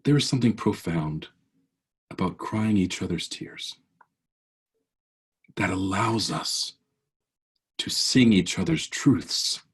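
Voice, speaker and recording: This motivational keynote comes from a fortyish man whose voice is low and a bit husky, heard via video call. Earnest and preacher-like, he keeps restarting his phrases. He sounds animated yet speaks slowly, leaving long pauses.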